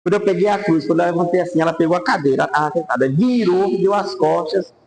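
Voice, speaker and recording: Man, priest, lively storytelling, highish voice. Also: fast, soft background music, rough recording. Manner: animated anecdotes, voice rising and falling. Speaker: priest teaching a Bible course.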